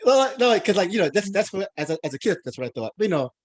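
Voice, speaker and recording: An American man in his thirties hosts a podcast interview, talking casually and rambling with lots of restarts and fillers. His voice is high-pitched with big pitch swings, and he speaks fast.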